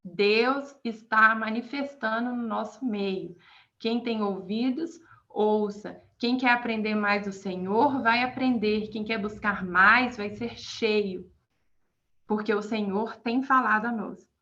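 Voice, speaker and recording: A woman's voice: mid-range voice, slow, pushed and bright, lo-fi sound. A woman preaching informally to a small group over a video call, emphatic and asking the listeners questions.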